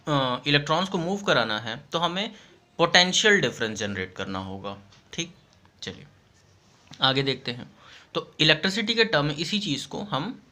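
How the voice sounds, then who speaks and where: Male teacher, bright and patient. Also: a little high. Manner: reads textbook definitions slowly. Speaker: science teacher. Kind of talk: online classroom lesson.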